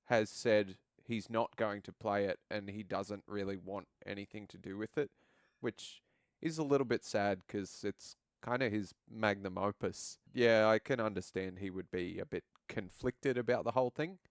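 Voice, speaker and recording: Male podcast host, smooth clear voice, dry close sound, enthusiastic chatter. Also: lowish voice, normal speed, no room sound. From Australia. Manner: animated, enthusiastic, acts out his own reactions. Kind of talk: casual chat.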